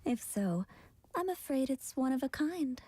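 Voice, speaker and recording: Coy, mellow-voiced flirtatious woman. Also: high voice, very animated, measured pace, husky, full character voice. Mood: seductive teasing. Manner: coy, drawling, teasing. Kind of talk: anime video game character acting. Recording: music behind the voice.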